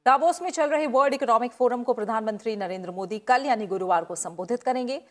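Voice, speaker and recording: A woman news anchor reading headlines in a steady, measured delivery. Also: on the high side.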